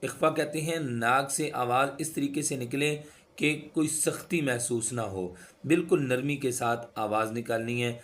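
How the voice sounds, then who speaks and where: A man teaching recitation rules, explaining each rule and then slowly chanting the words with drawn-out sounds to demonstrate. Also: mid-range voice, fairly bright tone. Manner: instructive, repeats sounds to demonstrate. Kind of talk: tajweed lesson.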